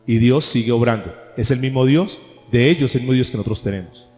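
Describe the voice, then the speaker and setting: A man's voice: mid-range voice, brisk, darkish tone. A man preaching a sermon as pastor, asking the congregation rhetorical questions. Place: church hall. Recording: echoey church hall with faint music.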